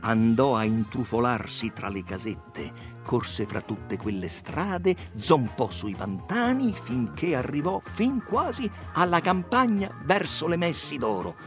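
A man reading a story aloud in a dramatic, expressive way. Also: medium pitch, slow, few pauses, over music. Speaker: narrator.

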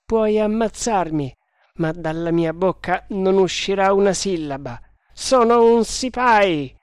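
Reader putting on a proud stubborn sepoy sergeant from a storybook, scornful, defiant, raised higher voice, slow, dry close sound. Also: very animated, darkish tone, no room sound. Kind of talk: audiobook reading of an adventure novel.

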